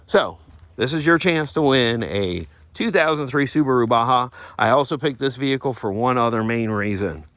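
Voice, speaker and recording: A man giving a casual walkaround of a vehicle he is giving away. He rambles, loses his train of thought and slips into a playful infomercial-style sales pitch. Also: lively intonation, moderate pace, a bit bright, dry recording. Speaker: vlogger showing a vehicle giveaway.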